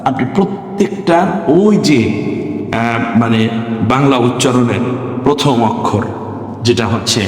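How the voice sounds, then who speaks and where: A man's voice: medium pitch, expressive, measured pace, pauses often. A man teaching Quran reading over slides, patient and explaining step by step with examples, with a Bangladeshi Bengali accent. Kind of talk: online slide lesson. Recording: very echoey room with long reverb.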